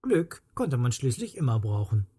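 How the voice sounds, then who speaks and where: A storyteller reading a children's story aloud with lively, expressive delivery. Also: mid-range voice, moderate pace, slightly rough. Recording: faint music behind.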